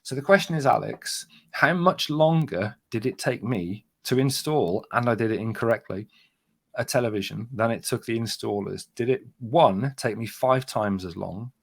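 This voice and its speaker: A man's voice: medium pitch, normal speed, vocal fry. A man hosting a podcast, chatting casually in a dry, teasing, joking way. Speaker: podcast host. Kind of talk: casual banter.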